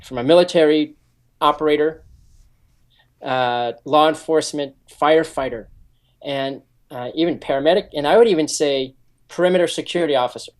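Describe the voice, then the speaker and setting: In a radio interview, a forties-aged security consultant from the United States answers questions about his background earnestly, peppering them with ums. His voice is a little high, at normal speed.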